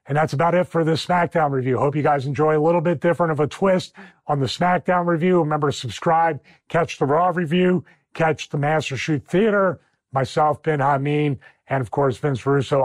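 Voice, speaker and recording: A man's voice: on the high side, no echo. Emphatic Philadelphia man, dry sound. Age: middle-aged. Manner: emphatic, repeats phrases for stress. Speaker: host, wrestling analyst. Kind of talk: commentary over match footage.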